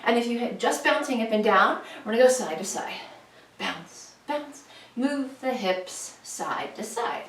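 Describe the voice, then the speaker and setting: Upbeat woman trainer with an animated, chatty delivery, recorded at a distance in a room at home. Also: a little high, moderate pace, a little hiss or hum. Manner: chatty and playful, cueing moves in a sing-song voice. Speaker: fitness instructor. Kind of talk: home workout instruction. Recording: echoey room, voice from far off.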